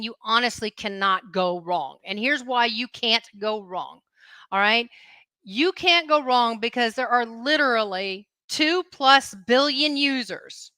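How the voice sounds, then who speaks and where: A woman's voice: a little high, bright, forceful tone, dry recording. A woman with a Southern US accent gives a business coaching talk on a live stream, stressing and repeating her key points.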